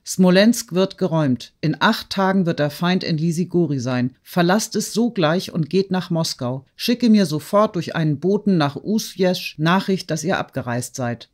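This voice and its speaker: A man voicing a young prince and officer giving calm, curt orders in an audiobook. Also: high-pitched, moderate pace, few pauses. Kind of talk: audiobook character voice.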